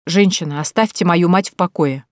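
A woman's voice: lowish voice, moderate pace, dry recording, studio quality, close to an everyday voice. A woman voicing a stout middle-aged daughter who is suspicious and curt, protecting her mother. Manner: curt, demanding.

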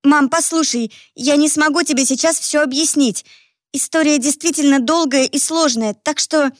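A woman's voice: high-pitched, moderate pace, no echo, studio quality, pitched above the performer's own voice, natural voice. A woman reading an audiobook, voicing a determined young woman who pleads earnestly with her mother. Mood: pleading. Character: determined young woman, guilty but resolute daughter.

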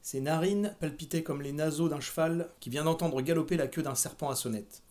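A man, a podcast host reading a novel aloud with an expressive voice. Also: on the high side, fairly quick.

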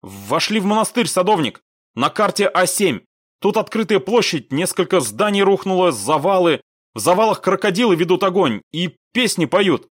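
A man's voice: animated, unhurried, few pauses, dry recording, studio quality. A man doing a strained young radio soldier. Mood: urgent. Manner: high, tense, clipped military reports. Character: young male radio operator, urgent and strained.

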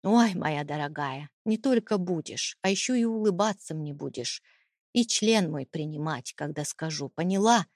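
A woman's voice: on the low side, moderate pace, a little mellow, dry recording, studio quality, close to an everyday voice. Woman voicing an icy, mocking husband. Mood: cold menace. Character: cold, contemptuous, domineering husband, adult man. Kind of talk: audiobook character reading.

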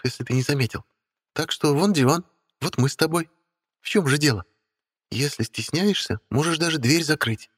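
A man's voice: a little high, a bit bright, breathy edge, voice pushed up. A man voicing a teasing young witch woman. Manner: teasing, then cold and hissing.

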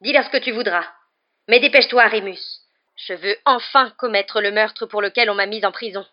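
Woman putting on a growling vengeful convict, fierce, storybook reading, raised pitch, muffled lo-fi sound. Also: moderate pace, natural voice. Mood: grim. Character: gaunt escaped male prisoner, fierce and vengeful.

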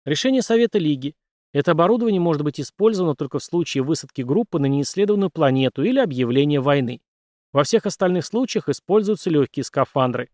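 A man voicing a weary, cautious older general who speaks quietly and ruefully. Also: a little high, expressive, quick pace, no room sound, clean studio sound, lightly acted. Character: weary old male general, loyal but cautious.

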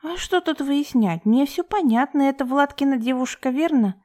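A woman voicing a shabby, cheery drunk mother who speaks high and gushing. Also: normal speed, mellow, close to an everyday voice.

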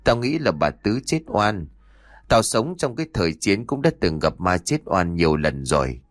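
A man's voice: sits low, very animated, moderate pace, no echo, clean studio sound. A man doing a wise old village elder. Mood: knowing. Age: 70s.

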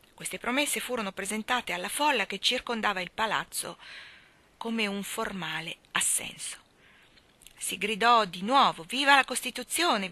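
Woman, audiobook reader, historical memoir, dramatic delivery, hushed whispers and emphatic peaks, bright tense tone. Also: medium pitch. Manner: dramatic, shifting between hushed near-whispers and raised emphatic passages.

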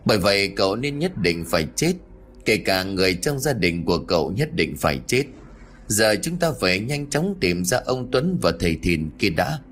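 A man voicing a calm older male monk master who speaks in a measured, instructive way, in an audiobook ghost story. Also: fairly low pitch. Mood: steady.

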